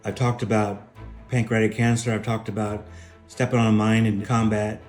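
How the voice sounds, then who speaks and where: A man's voice: on the low side, level tone, moderate pace, darkish tone, soft background music. A middle-aged man telling a personal spiritual testimony in an earnest, emphatic, preacher-like way. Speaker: spiritual speaker sharing a testimony.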